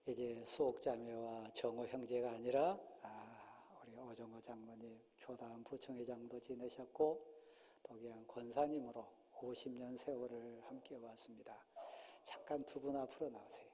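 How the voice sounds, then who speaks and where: A man pastor making church announcements and leading a short prayer, pausing often with drawn-out "ah" sounds. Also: medium pitch, mellow, husky. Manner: halting, many drawn-out "ah" pauses. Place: church sanctuary. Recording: long hall reverb in a church.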